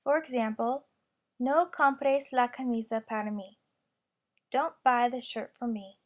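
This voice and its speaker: A young woman slowly and carefully reading out a lesson, explaining grammar and its examples. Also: fairly high pitch, steady tone. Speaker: student presenter. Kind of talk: instructional narration.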